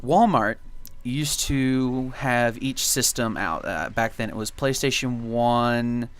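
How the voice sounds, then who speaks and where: A man's voice: mid-range voice, slow, clear, resonant tone. A young man reminiscing casually in gameplay commentary, with a laid-back, rambling and nostalgic way of talking. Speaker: video game commentary host.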